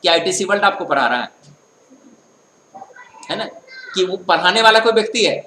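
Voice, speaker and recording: A man with a high, animated voice that sounds pushed and bright teaches accounting like a classroom lecture, explaining patiently. He reads English definitions slowly, explains them, and keeps checking that listeners follow with tag questions. The room is echoey with faint background noise.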